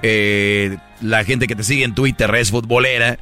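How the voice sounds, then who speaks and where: A man's voice: fairly low pitch, fairly even intonation, unhurried, bright, forceful tone, faint music behind. A man with a Mexican accent who co-hosts a radio show, talking in an opinionated, lecturing way. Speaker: radio co-host. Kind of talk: casual chat.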